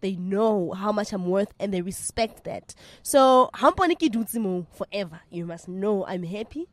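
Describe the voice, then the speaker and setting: A woman's voice: mid-range voice, lively intonation, measured pace, dry recording. Emphatic South African woman chatting candidly. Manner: emphatic, repeats phrases, switches into local slang. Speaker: interview guest, actress and media personality. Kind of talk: candid casual chat.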